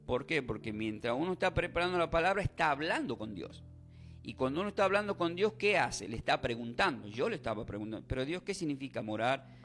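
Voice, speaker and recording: A man's voice: fairly high pitch, sing-song, quick pace, a bit bright. A man preaching a sermon, asking rhetorical questions and leading call-and-response.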